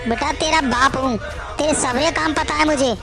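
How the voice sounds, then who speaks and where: A woman's voice: high voice, fairly even intonation, moderate pace, gravelly, music in the background. A woman voicing an older father-in-law who lectures firmly and protects his daughter-in-law. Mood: stern. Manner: firm and lecturing.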